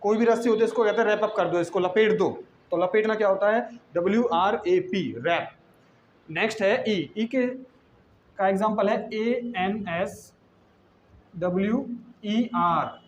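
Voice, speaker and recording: A man's voice: sits high, unhurried, dull audio, a little hiss or hum. A man with an Indian accent teaching English in a classroom lesson, spelling words out letter by letter and answering his own questions.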